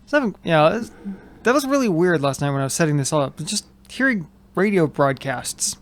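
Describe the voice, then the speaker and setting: A man's voice: a little high, sing-song, normal speed. A man hosting a casual chat from his home studio, loose, joking and rambling as he talks. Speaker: host. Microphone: headphones with mic.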